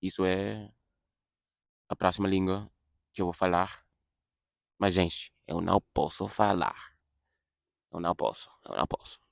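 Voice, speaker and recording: Slow, halting young man, deep voice. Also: vocal fry, dry recording, studio quality. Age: young adult. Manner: halting, many restarts and self-corrections. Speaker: vlogger, language learner. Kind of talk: casual spoken update in a learned language.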